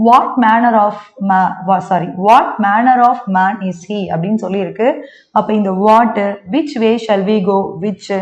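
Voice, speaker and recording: A woman's voice: mid-range voice, a little mellow. A woman with a Tamil accent teaches English grammar and explains each point patiently. She often checks whether her students have understood. The sound is roomy and a bit muffled. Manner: mixes Tamil and English, keeps asking the class to check understanding. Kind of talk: exam-prep grammar lesson.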